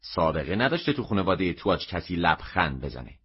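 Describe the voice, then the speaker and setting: A man's voice: low voice, big pitch swings, breathy edge, heavily acted. A man voicing a bitter, nagging shopkeeper mother in an audio story, scolding sharply. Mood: scornful. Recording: dull lo-fi recording.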